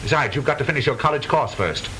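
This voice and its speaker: An actor playing a blustering, easily flustered middle-aged father in stagey 1920s comedy film style, halting and repeating himself. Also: medium pitch, lively intonation, bright, forceful tone. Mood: blustering, stern. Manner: stagey old movie actor delivery, blustering, halting repetitions. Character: blustering, lonesome widowed father, flustered businessman. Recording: hissy 1920s film soundtrack.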